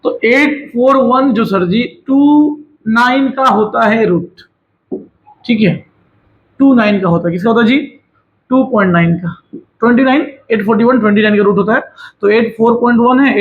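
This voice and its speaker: A man runs a maths lesson in a fairly high voice. He talks in a chatty, teasing way, scolding his students and breaking into bits of song between steps. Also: normal speed, highs cut off. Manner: chatty teacher, scolds and jokes with students, sings snatches of songs. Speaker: maths tutor.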